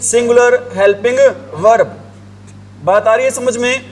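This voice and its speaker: Speaking at a measured pace in a very high voice, a man teaches an English grammar class. He drills students with the same repeated questions, answers each one himself, and writes on a board.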